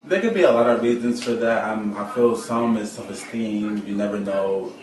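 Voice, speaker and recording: Man, 20s, easygoing interview subject; echoey room, distant mic, clear music bed. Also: on the low side, moderate pace, darkish tone. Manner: casual, conversational with "you know". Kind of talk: documentary interview. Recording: roomy, distant, music underneath.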